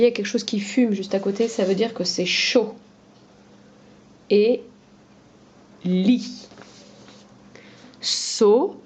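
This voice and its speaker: Slow, patient woman teacher, dull audio. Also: mid-range voice, a little mellow, breathy edge. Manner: slow, carefully sounding out syllables. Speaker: schoolteacher. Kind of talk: lesson for young children. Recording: dull lo-fi recording.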